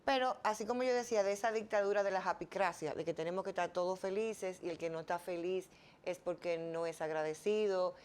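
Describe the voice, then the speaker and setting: A woman's voice: lowish voice, darkish tone, clear, resonant tone. A woman hosting an interview, asking reflective, probing questions. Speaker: interview host. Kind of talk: conversational interview.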